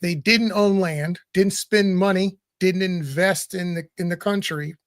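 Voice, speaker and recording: On a political talk show, a co-host with a notably high-pitched male voice talks a little slowly, staying blunt and lively while often dissolving into laughter mid-sentence. The audio sits dry and close, free of any room sound.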